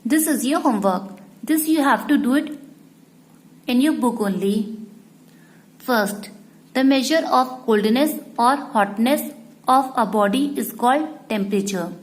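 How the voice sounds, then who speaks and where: A woman teaches a class in a high-pitched voice. She speaks slowly and deliberately, addressing her students again and again. She repeats each key point so they can follow. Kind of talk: slow classroom lesson.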